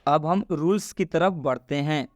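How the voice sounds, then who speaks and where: A man teaching English pronunciation, spelling out sounds slowly and repeating key words. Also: on the high side, no echo. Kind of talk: slow explanatory lesson.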